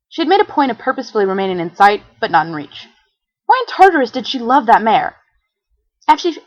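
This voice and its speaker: A woman reading fan fiction aloud in an expressive, playful narrating voice. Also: medium pitch, dry recording, dull audio. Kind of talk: storybook narration.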